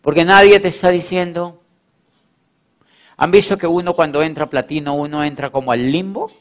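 A man's voice: on the high side, normal speed. A man giving a motivational stage talk to an audience, repeating phrases for emphasis and acting out quoted voices. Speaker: motivational speaker.

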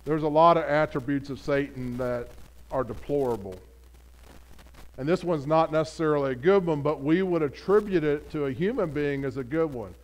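A man's voice: fairly high pitch, normal speed. A pastor preaching a sermon in an earnest, conversational way, putting direct questions to his congregation.

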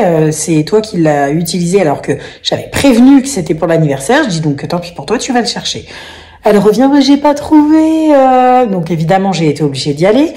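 Chatty French vlogger mom, lower voice. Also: female voice, a little mellow. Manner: chatty, many fillers, acts out quoted voices. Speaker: vlogger, mother of five. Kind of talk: casual family vlog storytelling.

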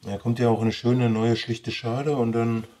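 A man's voice: medium pitch, flat delivery, moderate pace, dark tone. A man with a Ruhr German accent, thinking aloud in casual commentary as he works on a bonsai. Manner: thinking aloud, muttering while he trims. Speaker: bonsai vlogger. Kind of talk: casual commentary while working.

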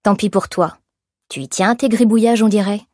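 A woman's voice: mid-range voice, a little fast, darkish tone, no room sound, clean studio sound, natural voice. A woman voicing a sneering drunken shop clerk. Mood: taunting. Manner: sneering, taunting. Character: leering drunken male shop clerk, mocking.

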